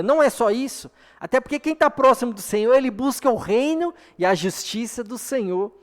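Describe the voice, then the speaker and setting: A man with a Brazilian accent preaching an earnest sermon to a congregation, often asking for an "amen". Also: high voice. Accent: Brazilian Portuguese. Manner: earnest, repeats "amém?" to the congregation. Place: church hall. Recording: long hall reverb.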